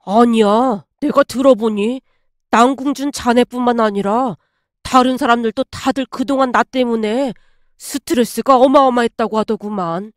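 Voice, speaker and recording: A woman voicing a subdued middle-aged male department head who speaks low and humbled. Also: normal speed, dry recording, studio quality, natural voice.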